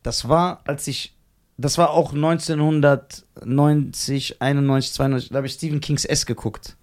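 A woman co-hosting a casual chat, telling a story with lively energy and acting out what people said. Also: sits low, normal speed. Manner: lively storyteller who acts out quoted voices.

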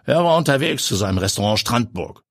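A man voicing a confident, daring journalist and pilot who speaks in a brisk, energetic, self-assured way. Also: mid-range voice, no room sound, clean studio sound, voice pushed up. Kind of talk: audiobook character voice.

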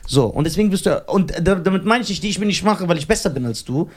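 A man talks in a casual podcast chat. His voice sits a little high. He teases and rambles, often breaking into laughter. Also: expressive, fast talker. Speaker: podcast co-host.

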